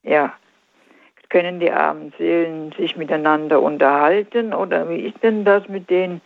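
An older woman calling in to a radio show, asking her question hesitantly and haltingly over the phone. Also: fairly low pitch, steady tone, gravelly, no echo. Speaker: caller. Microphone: telephone. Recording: tinny phone line.

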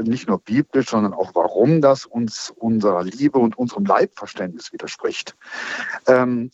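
A man's voice: medium pitch, breathy edge, no room sound, highs cut off. A man, a priest, patiently answering listeners' questions on a radio call-in show, thinking aloud with many fillers. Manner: thoughtful, explaining with many fillers.

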